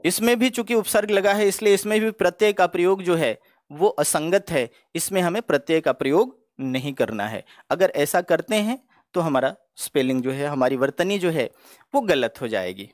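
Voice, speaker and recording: A man's voice: high-pitched, dry recording, studio quality. A man teaching Hindi spelling for exam preparation, going word by word in a methodical, explanatory way. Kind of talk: exam-prep spelling lesson.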